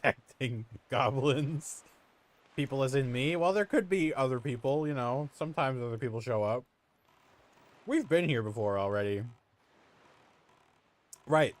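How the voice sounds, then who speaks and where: Male streamer, mid-pitched, casual and self-mocking, bantering with chat during live gameplay. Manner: joking, self-mocking, chatty. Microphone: home streaming mic.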